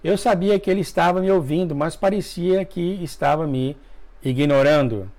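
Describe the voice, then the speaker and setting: A man reading a dream testimony aloud to viewers, emotional, with asides, often coughing and clearing his throat. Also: fairly high pitch, moderate pace, darkish tone. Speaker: religious video narrator.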